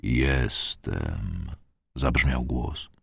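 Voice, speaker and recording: A man voicing a vast, inhuman presence that speaks low and muffled, like a distant bell, in an audiobook. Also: expressive, very slow, gravelly, a bit bright, breathy edge, no room sound, clean studio sound, heavily acted. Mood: ominous.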